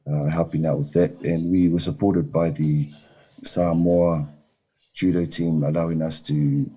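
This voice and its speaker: With a rumbling low, level, mellow voice and a breathy edge, a wrestling coach from New Zealand responds to interview questions. He's measured, with frequent ums and uhs.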